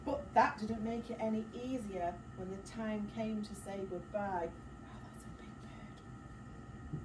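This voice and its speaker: Reading aloud a little slowly in a mid-range voice, a woman teacher shares a picture book with children. Her style is expressive, with dramatic gasps, and she stops for encouraging questions, asides and prompts. A distant mic gives a roomy sound, and background noise can be heard clearly.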